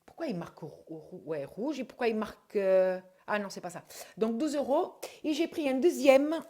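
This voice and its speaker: A middle-aged woman chatting casually at home as she shows off a shopping haul, hesitating often with drawn-out fillers. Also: fairly high pitch, warm tone. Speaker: vlogger showing her shopping haul.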